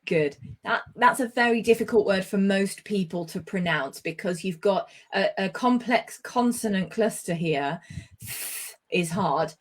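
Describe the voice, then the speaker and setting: A woman from Britain teaching English pronunciation over a video call, praising and correcting slowly. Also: medium pitch. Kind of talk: online speaking lesson.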